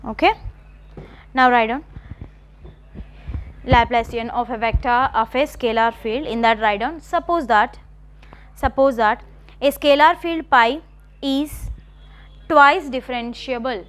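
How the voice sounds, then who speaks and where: A woman college math lecturer, dictating notes slowly and repeating phrases, often checking with the class. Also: fairly high pitch, a bit bright. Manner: repetitive, slow dictation with checking questions.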